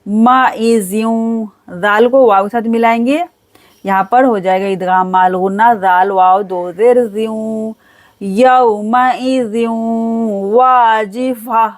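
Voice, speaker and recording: A woman teaching Quran recitation step by step, spelling out letters and then reciting each word slowly and drawn out. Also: medium pitch, steady tone.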